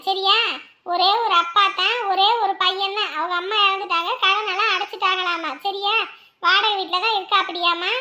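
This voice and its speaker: A woman's voice: extremely high pitch, bright, forceful tone. A woman playing a stern middle-aged mother who nags and threatens her grown daughter in a family drama. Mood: persuading. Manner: nagging, threatening, rhetorical questions. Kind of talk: Tamil family web drama.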